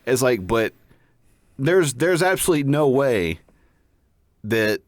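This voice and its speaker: A podcast co-host with a medium-pitched voice chats casually at a slow pace, very animated, rambling and profane, laughing and saying "like" constantly. The sound is clean studio audio with no room echo.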